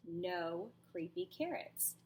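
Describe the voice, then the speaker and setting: A woman teacher with a lowish, expressive, slightly mellow voice reads aloud to children, with a faint hiss or hum on the recording. She pauses dramatically, stresses words emphatically, and asks her young audience questions as she goes.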